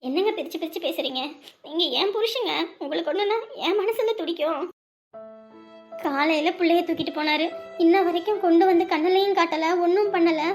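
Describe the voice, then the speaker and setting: Actress as a fretful wife and mother, very high voice, music running underneath. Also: brisk. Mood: worried. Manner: worried, pleading. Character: anxious adult wife and mother.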